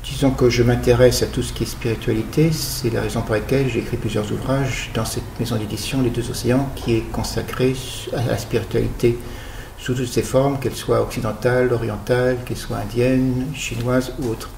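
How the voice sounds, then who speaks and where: A middle-aged man from Guadeloupe, an author interviewed on radio, speaking in a measured, explanatory way with occasional hesitations. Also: mid-range voice, fairly even intonation, gravelly, darkish tone, echoey room, slight background noise. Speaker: author guest.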